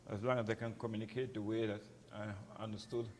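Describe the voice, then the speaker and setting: A man's voice: fairly low pitch, little pitch movement, brisk. A man with a Crucian Virgin Islands accent, a pastor speaking candidly in an informal, down-to-earth way. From St. Croix, Virgin Islands. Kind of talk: candid personal talk. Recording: reverberant hall with background noise.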